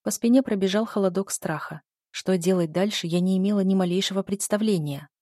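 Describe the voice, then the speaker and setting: A woman narrating a first-person audiobook in a measured, even storytelling manner. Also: medium pitch, no echo, clean studio sound.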